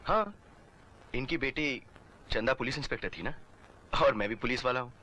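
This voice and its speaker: A man's voice: medium pitch, normal speed, sharp tone. An actor playing a friendly young police officer who speaks playfully and tenderly about his love.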